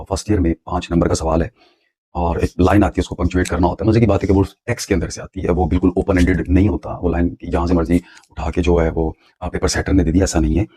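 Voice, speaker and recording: A man's voice: low-pitched, warm tone, breathy edge. A man teaching English grammar in a patient, explanatory lecture, repeating points for emphasis.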